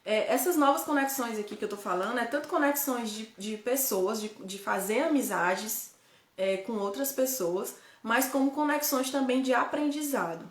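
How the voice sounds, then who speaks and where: This guide living abroad, originally from Ceará in Brazil's Northeast and carrying that accent, hosts a casual live chat in a fairly high voice. Tag questions pop up constantly, and she breaks off sentences to restart them. The echoey, roomy space makes her voice ring.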